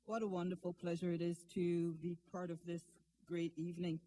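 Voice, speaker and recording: A woman with a mellow, darker voice gives a prepared speech as an award presenter. Her delivery is warm and enthusiastic. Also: lowish voice, level tone, fairly quick, a little hiss or hum, poor audio.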